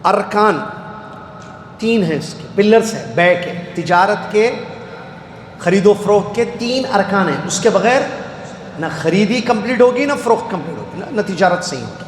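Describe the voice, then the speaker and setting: A man's voice: high-pitched, lively intonation. A man teaching a classroom lecture, asking his students questions and answering them himself, repeating key words. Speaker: Islamic studies teacher. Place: lecture hall. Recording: echoey hall with faint background noise.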